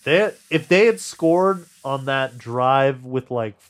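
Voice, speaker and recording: A man's voice: medium pitch, slow. A man co-hosting a podcast, talking in cynical, rambling casual banter. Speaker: podcast co-host. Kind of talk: casual chat.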